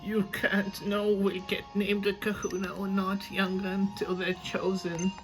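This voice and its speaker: A man's voice: high-pitched, completely flat delivery, measured pace, faint music behind, pitched above the performer's own voice, low-quality recording. A man voicing a wise old village woman in a video game, speaking in a sage, lecturing way.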